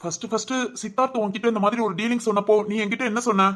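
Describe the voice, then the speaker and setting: A gentle, coaxing older brother in a family cartoon, voiced by a woman in her own mid-range voice. He talks quickly and warmly teases to calm his sister. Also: medium pitch, lightly acted. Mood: reassuring. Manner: gentle, coaxing, affectionate teasing. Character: caring older brother, teasing and reassuring. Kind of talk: cartoon voice acting.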